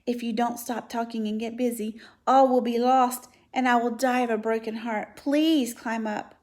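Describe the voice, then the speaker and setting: A woman's voice: on the high side, fairly even intonation, moderate pace, a little mellow, natural voice. A woman voicing a young male pig who pleads and cries out in desperation. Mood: frantic.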